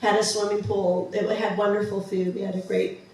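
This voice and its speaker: A woman's voice: medium pitch, little pitch movement, fairly quick, darkish tone. A woman giving a casual, enthusiastic slideshow talk, with many ums and restarts. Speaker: presenter of a travel slideshow. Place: museum presentation room. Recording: far-off mic in a very echoey room.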